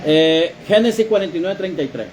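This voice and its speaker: High-voiced man preaching a sermon. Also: expressive, brisk, a little hiss or hum. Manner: storytelling preacher addressing the congregation.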